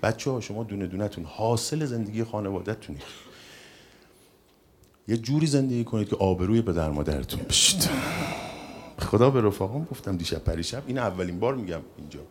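A man delivers a religious talk to a young audience as a long, heartfelt story. His pitch moves up and down in a lively way. He pushes some phrases out loudly, then drops to a near-hush. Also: slight background noise. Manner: swings from loud emphatic lines to soft hushed ones. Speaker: religious speaker.

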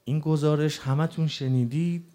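A man's voice: on the high side, fairly even intonation, warm tone. A male preacher giving a mourning sermon from the pulpit, telling old accounts in a lamenting, grief-stricken way. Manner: storytelling, quoting old accounts.

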